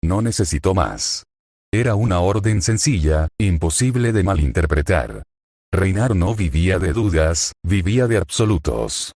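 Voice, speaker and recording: Sardonic male narrator for fan fiction; deep voice, dry booth sound. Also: measured pace, no room sound. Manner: sardonic, even storytelling.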